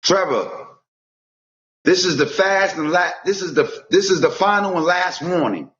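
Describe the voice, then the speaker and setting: A man's voice: high-pitched, expressive, unhurried, a bit bright. A man reading an insistent small-town deputy. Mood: stern. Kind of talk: amateur table read. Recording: echoey room, dull lo-fi sound.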